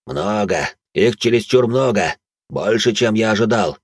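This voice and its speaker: A man's voice: on the low side, animated, unhurried, no echo, studio quality. A man voicing a mocking, battle-hardened old man in an audiobook who sneers and barks orders. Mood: sneering. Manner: gruff, sneering, barks commands.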